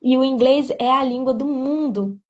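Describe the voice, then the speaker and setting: A woman's voice: high-pitched, moderate pace, crowd noise. Earnest woman teacher, dull lo-fi sound. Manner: earnest, emphatic with repetition. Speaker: English teacher and mentor. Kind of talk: casual live interview. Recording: dull lo-fi audio.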